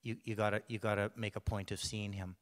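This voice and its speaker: Man, church testimony, halting, coughing, smooth voice in a reverberant hall. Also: lowish voice, flat delivery. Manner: halting, with many restarts and fillers. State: bad cough, clears throat. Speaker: church member sharing a testimony. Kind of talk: personal testimony told to a congregation. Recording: long reverb of a large hall.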